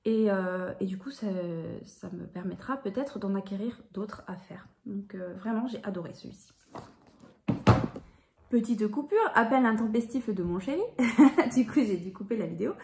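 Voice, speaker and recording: A woman's voice: mid-range voice, normal speed, gravelly, darkish tone, reverberant. A woman in her thirties chatting casually and enthusiastically as she shows a haul on her vlog, with many fillers. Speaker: puzzle vlogger.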